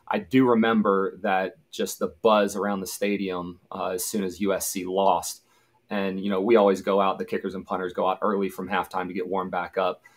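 A man in his thirties with a lowish voice recounts old game days in a relaxed, anecdotal way. He talks casually as an interview guest and now and then acts out the shouts of the moment. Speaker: guest, former college football punter.

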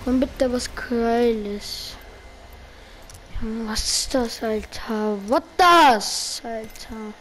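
A woman streaming gameplay, talking in heavy street slang and swearing at teammates in excited bursts. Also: on the high side, extremely slow, a little hiss or hum, rough recording. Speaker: gaming streamer. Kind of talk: live gameplay commentary.

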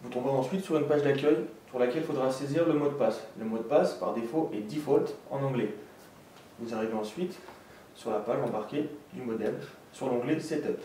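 Speaking a little fast, a man with a medium-pitched, dark-toned voice walks through a technical tutorial one step at a time, methodical and instructional. He's in an indoor room with a desk and a green backdrop. The room echoes, the mic sits at a distance, and there's faint noise.

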